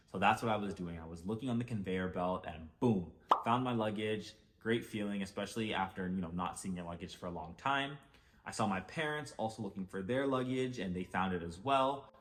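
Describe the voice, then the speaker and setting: Casual young man with a lowish voice. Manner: conversational, with frequent "like" and "basically". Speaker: storyteller. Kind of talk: casual storytime narration.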